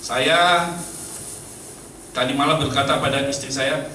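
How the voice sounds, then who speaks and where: A man preaching a humorous church sermon, joking and swinging between loud and low. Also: steady tone, measured pace. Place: church hall. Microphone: handheld mic with battery trouble. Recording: echoey hall, mic far off, noisy.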